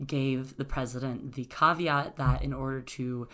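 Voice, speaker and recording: A woman's voice: a bass voice, steady tone, measured pace, bright, forceful tone. A woman in casual debate, laying out events step by step with frequent "uh" and "um.". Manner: explanatory, methodical, many "uh" and "um" fillers.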